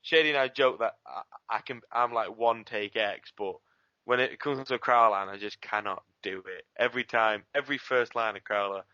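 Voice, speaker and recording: A man who writes scripts for an abridged series, chatting casually in an interview, quick and self-deprecating. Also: on the low side, bright, forceful tone, no room sound. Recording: dull lo-fi voice chat audio.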